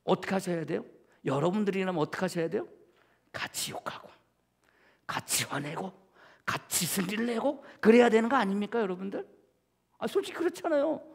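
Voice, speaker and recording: A male pastor preaching a sermon in a church, often asking the congregation questions, then answering them himself, moving between loud emphasis and hushed asides. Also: high voice, fast talker, creaky, husky. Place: church sanctuary.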